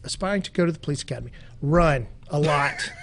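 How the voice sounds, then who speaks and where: A middle-aged police training officer chatting casually, rambling and joking with frequent laughs. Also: male voice, a little high, quick pace, creaky, fairly bright tone. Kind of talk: casual podcast chat.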